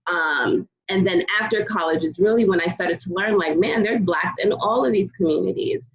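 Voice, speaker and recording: A woman from Connecticut, a guest on a podcast, talking calmly about her background and sounding a little tired. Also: on the low side, moderate pace. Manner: calm, thoughtful, many ums. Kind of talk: relaxed interview talk. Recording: dull lo-fi sound.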